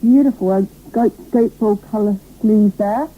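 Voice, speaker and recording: A woman co-hosting a chatty interview, asking brisk, friendly questions, heard from a worn tape copy. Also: mid-range voice, phone-quality sound, a little hiss or hum. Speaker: co-host interviewer.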